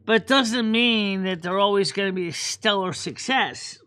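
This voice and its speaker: A woman hosts a casual livestream chat in a bright, forceful voice. She rambles and often repeats words as she works through her thoughts. Her pitch sits right in the middle. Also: normal speed. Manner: rambling, repeats words while thinking aloud. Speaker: host.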